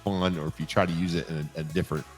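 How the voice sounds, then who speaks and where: A man's voice: a bass voice, flat delivery, very fast, faint music behind. A man hosting a podcast, chatting loosely and swearing casually as he asks questions. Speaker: podcast host.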